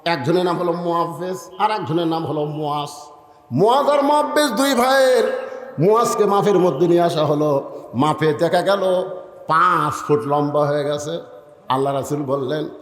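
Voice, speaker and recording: Give me a preacher, a man with a high voice, bellowing a story out over a big echoing open-air gathering. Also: normal speed. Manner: animated storytelling preaching, shouts to the crowd. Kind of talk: sermon. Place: outdoor religious gathering. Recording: echoey outdoor gathering with long reverb.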